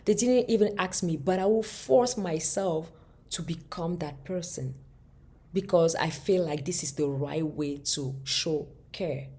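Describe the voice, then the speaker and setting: Low, husky-voiced woman, earnest and reflective. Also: unhurried. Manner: earnest, thoughtful, with frequent restarts and dropping to soft near-whispers. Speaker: relationship vlogger. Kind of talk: reflective personal talk to camera.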